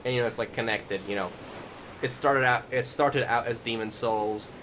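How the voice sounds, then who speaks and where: Over background music, a man who hosts a gaming channel rambles casually through video game commentary, frequently pausing to find his words. His mid-range voice holds a steady tone at a moderate pace and sounds a bit bright, in a rough recording with slight background noise.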